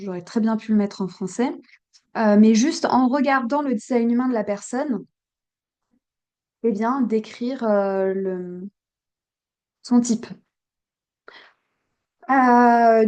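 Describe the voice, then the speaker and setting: A woman's voice: on the high side, mellow. A woman giving an unscripted tutorial, hesitant and full of fillers and restarts. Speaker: human design teacher.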